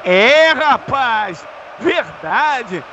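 A Brazilian man calling a football match play by play for radio, in an excited, forceful manner. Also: very high-pitched, drawn-out words, muffled recording, some chatter behind, a little hiss or hum.

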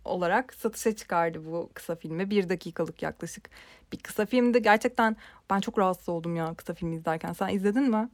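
A woman's voice: lowish voice, a little fast, no room sound. A woman co-hosting a film podcast, chatting casually and expressively with frequent fillers and laughter. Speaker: podcast co-host.

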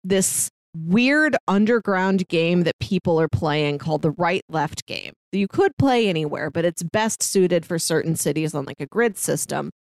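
A woman with a lowish, expressive voice speaks at a measured pace with hardly any pauses, recorded in studio quality with no echo. Co-hosting a podcast, she casually chats about films, books and audio dramas, giving recommendations, retelling stories and acting out bits of imagined dialogue.

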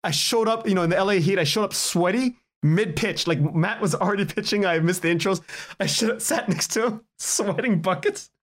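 This Canadian man, a podcast guest, tells animated, casual stories in an interview, chatting, chuckling as he goes and voicing the dialogue he quotes. His voice sits high and moves fairly quickly.

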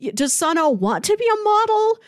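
Speaking briskly in an extremely high voice, a podcast co-host chats about TV in a casual review. The studio-quality audio has no echo, and her animated, conversational talk is full of "like."

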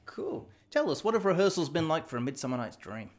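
Quick-talking male podcast interviewer. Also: fairly high pitch, sing-song. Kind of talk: casual interview.

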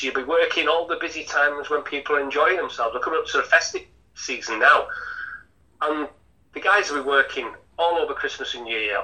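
A man's voice: mid-range voice, bright, forceful tone, distant mic, rough recording. A man, a hotel chef talking through an interview with many restarts. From Lancashire, England. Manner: chatty, rambling with frequent restarts.

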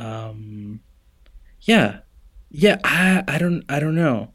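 A man's voice: mid-range voice, lively intonation, slow pace, a bit bright. Man, podcast co-host, casual chat, easygoing, hesitant, fillers.

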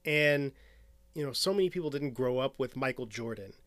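A man in his late twenties from near Chicago, speaking in a halting, reflective monologue and filling nearly every phrase with "you know". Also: medium pitch, lively intonation, a bit bright, no echo. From Northwest Indiana, near Chicago. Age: 20s.

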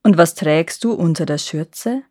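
A woman voicing a sly, hungry male wolf in a fairy tale reading, talking low and coaxing. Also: unhurried, mellow, dry recording, clean studio sound. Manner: low, scheming, sweet-talking.

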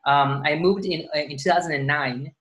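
A man's voice: on the high side, moderate pace, fairly bright tone. A man in his thirties from Dallas, Texas, guesting on a podcast in casual, rambling chat. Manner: rambling, many restarts and fillers.

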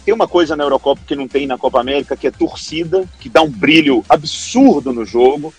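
Brazilian male sports panellist, casual delivery, rough husky voice, faint music bed. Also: a little high, quick pace. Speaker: football commentator on a podcast.

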